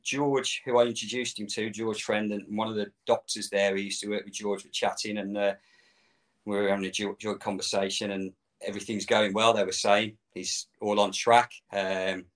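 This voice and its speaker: A man's voice: on the low side, level tone, normal speed, fairly bright tone. Easygoing middle-aged man. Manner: rambling, easygoing, laughs often. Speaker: guest. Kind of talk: casual chat.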